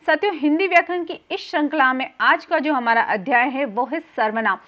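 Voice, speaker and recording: A woman's voice: high-pitched, fairly quick, highs cut off. A woman teaching a grammar lesson for exam students, explaining each point patiently and repeating key terms, with a few filler sounds.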